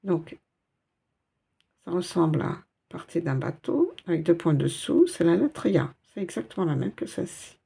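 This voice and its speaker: A woman's voice: lowish voice, very animated, normal speed, gravelly, mellow, breathy edge. A woman teaching a step-by-step Arabic reading lesson in French, patient and explaining each letter and sound.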